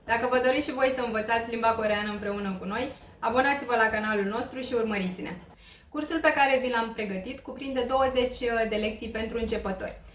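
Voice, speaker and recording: Patient Romanian woman teaching, roomy sound. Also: fairly high pitch. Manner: patient, explanatory, many hesitant fillers. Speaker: Korean language teacher. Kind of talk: online language lesson. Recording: roomy echo.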